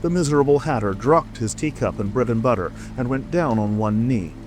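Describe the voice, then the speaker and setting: A man's voice: mid-range voice, animated, fairly quick, background noise. A man reading a scripted storybook narration as a dramatic audiobook narrator. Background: music.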